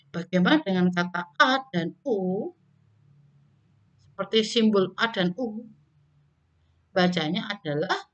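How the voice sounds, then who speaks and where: A woman's voice: mid-range voice, highs cut off. Woman teacher drilling English vowel sounds. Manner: models sounds loudly and repeats them, frequent friendly filler tags. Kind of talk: casual recorded lesson.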